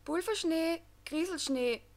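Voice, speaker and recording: A woman voicing a brisk, knowing Rain Woman spirit in a children's storybook. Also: very high-pitched, pitched above the performer's own voice, heavily acted.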